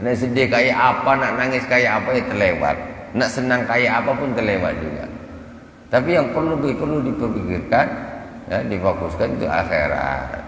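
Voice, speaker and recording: Low-voiced preacher. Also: male voice. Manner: animated, repetitive rhetorical scolding with sharp rises. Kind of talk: sermon. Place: mosque. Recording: echoey mosque hall, faint noise.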